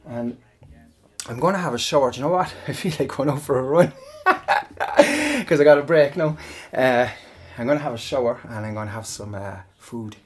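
Out of breath and sweaty mid-workout, a man who makes online audio chats casually to his regular listeners in loose, rambling bursts. Heavy breathing separates his phrases, and he laughs often. He speaks at a moderate pace in an expressive, medium-pitched voice.

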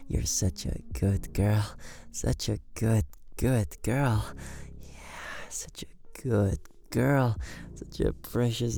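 Speaking near the microphone for an ASMR boyfriend roleplay, a man with a lowish, gravelly voice showers the listener with tender, repeated compliments, frequently sinking to a whisper.

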